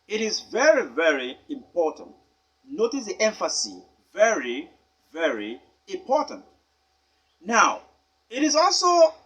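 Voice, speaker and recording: A man teaching a pronunciation lesson, speaking deliberately and emphatically and spelling words out letter by letter. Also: sits high, bright, forceful tone, slightly rough. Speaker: English teacher.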